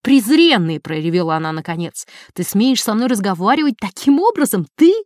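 A woman reading as a furious rich wife who scolds her husband in a shrill, scolding voice. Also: lively intonation, normal speed, darkish tone, no echo, clean studio sound, lightly acted. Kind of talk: audiobook character reading.

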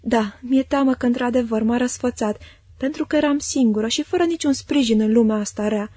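A woman voicing a timid, frail young widowed mother in an audiobook, speaking softly and plaintively. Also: on the high side, breathy edge, no echo, clean studio sound. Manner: soft, plaintive, fearful. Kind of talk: audiobook reading.

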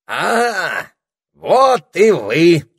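A man's voice: mid-range voice, animated, measured pace, bright, forceful tone, no echo, clean studio sound, voice pushed up. A man voicing a cheerful, teasing male parrot in a storybook reading. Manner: jaunty, teasing, soothing.

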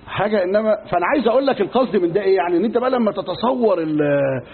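Speaking high and rapid-fire, this Egyptian-accented man delivers a religious lesson as a preacher, weaving stories with everyday asides. He animatedly performs the characters' dialogue in colloquial speech, captured on a tinny, lo-fi recording with faint hiss.

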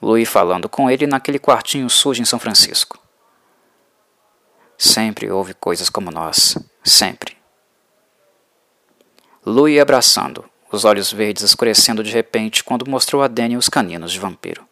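A man reading an audiobook in an even, measured way. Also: medium pitch, no room sound, studio quality. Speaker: audiobook narrator. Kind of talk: scripted narration.

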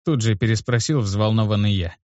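Guy reading a fantasy audiobook, lowish voice, lo-fi. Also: fairly quick, a little mellow, dry recording. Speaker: audiobook narrator. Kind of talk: first-person fantasy narration. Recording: dull lo-fi dry recording.

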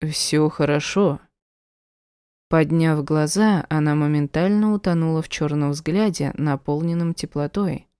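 A woman reads a romance audiobook in an even, measured way. Her voice is low and mellow. It is recorded close and dry, with no room echo. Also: clean tone. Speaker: audiobook narrator. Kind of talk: scripted romance narration.

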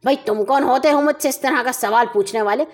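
A woman voicing a grumpy, hot-tempered male farmer in a children's story, grumbling and then shouting in anger. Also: a little high. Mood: angry. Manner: grumbling, bursts into angry shouting.

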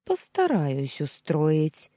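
A woman acts out a bitter young wife of twenty-one in an audiobook, sharp and scornful as she hisses orders. The voice sits low and husky, with lively swings in pitch. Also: very slow, no room sound, studio quality, exaggerated voice. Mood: scheming, cool.

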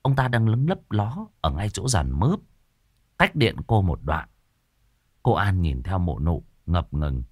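A man's voice: low voice, sing-song, a little slow, a little mellow, breathy edge, dry recording, studio quality. A man narrating a ghost story expressively and dramatically.

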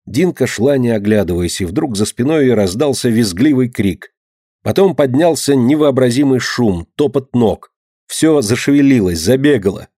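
Man, audiobook narrator, measured, expressive, middle pitch, dry studio sound. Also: no room sound. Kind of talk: scripted narration.

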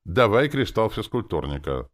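A man's voice: lowish voice, big pitch swings, moderate pace, pitched above the performer's own voice. A man voicing a brusque male army captain who gives orders in short, curt phrases. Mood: gruff. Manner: curt, commanding.

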